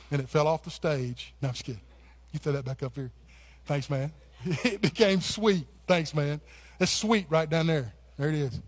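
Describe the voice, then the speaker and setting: A man with a rather high voice preaches in a church sanctuary. His delivery is passionate yet conversational. He restarts phrases and sprinkles in "man" as he speaks to his congregation. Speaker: pastor. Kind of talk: sermon.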